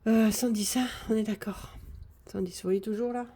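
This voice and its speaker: A woman chatting casually live on a phone camera, thinking out loud as she sorts and counts cash. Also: mid-range voice, steady tone, moderate pace. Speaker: budgeting vlogger.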